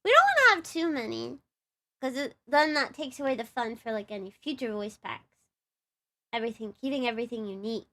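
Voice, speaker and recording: A woman's voice: fairly high pitch, brisk, bright, forceful tone. A young woman with a Texan accent, chatting casually on a live stream in a bubbly, giggly, rambling way. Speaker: livestreamer and VTuber.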